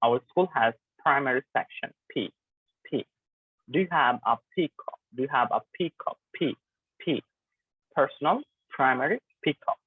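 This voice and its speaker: A man leading a live online pronunciation lesson, drilling words slowly and repeating them, with English phrases mixed in. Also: medium pitch, breathy edge, dry recording. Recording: tinny, dry online call audio.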